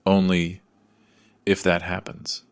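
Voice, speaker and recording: A man's voice: low-pitched, monotone, slow pace, clean tone, no room sound, clean studio sound. A man voicing an elderly male doctor in his eighties, a loyal old friend speaking earnestly.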